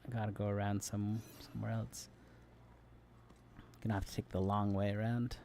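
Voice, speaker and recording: A man with a noticeably creaky, gravelly voice talks casually through a video game. He thinks out loud, often puzzling over things in questions. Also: on the low side, level tone, moderate pace, slight background noise. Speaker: gamer commenting on a playthrough. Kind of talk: casual game commentary with read-aloud text.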